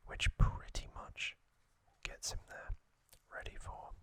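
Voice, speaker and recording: A man who hosts an ASMR trivia channel whispers an informal, unhurried explainer in a hushed voice.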